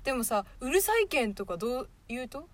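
A young woman chatting on a podcast, her high voice swinging up and down through animated talk. She is talkative and drifts into turns of phrase as she goes. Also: brisk. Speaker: podcast co-host. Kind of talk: casual chat.

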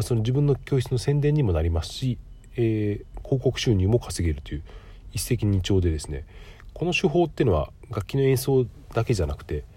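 Fairly low in pitch, mellow and breathy at the edges, this middle-aged man's voice is nasal and stuffy from a cold. As a podcast host, he explains things politely in a casual solo monologue with frequent filler pauses.

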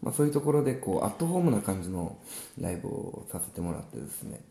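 A man co-hosting a casual podcast chat, telling about his gigs in a relaxed, rambling way with many fillers. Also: deep voice, fast, creaky, echoey room. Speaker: musician co-host.

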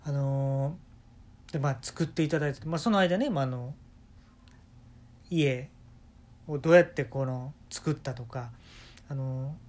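A man with a Kansai accent telling an absurd story in a rambling, deadpan way as the host of a talk show. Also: medium pitch, a little slow, pauses often. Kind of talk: comic storytelling monologue.

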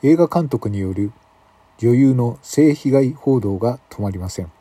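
A man's voice: medium pitch, animated, a little slow, warm tone, breathy edge, dry recording. A man hosting a comic talk show, reading mock news and feigning outrage. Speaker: radio talk host.

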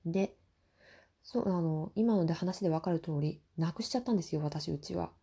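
A young woman hosting a personal talk show, chatting casually in a quiet, soft, breathy murmur at night about everyday life. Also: fairly quick. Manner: quiet, murmuring low-voiced talk at night beside sleeping children. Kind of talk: late-night casual chat, telling everyday family stories.

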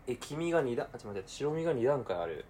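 A young man with a Kansai accent talking casually to himself while cooking, swinging between quiet mumbling and excited outbursts. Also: mid-range voice, rapid-fire, slight background noise. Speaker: podcaster.

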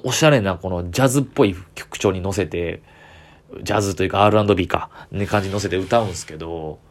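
A man with a Kansai accent, chatting on his own as a comedian podcaster, rambling with easy enthusiasm. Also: sits low. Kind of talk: solo casual chat.

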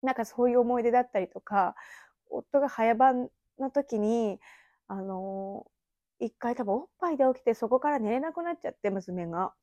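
Recording alone in an empty house with a phone app mic, a podcast host in her thirties rambles chattily through memories, laughing now and then. Her high-ish voice is mellow and moderately paced. The audio is dull, with no room sound.

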